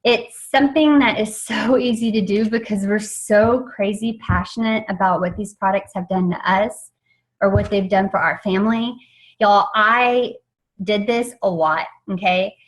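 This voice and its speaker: A woman's voice: medium pitch, measured pace, poor audio. A young woman leading an informal team training in an eager, chatty way, with lots of fillers and restarts. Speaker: network marketing team trainer.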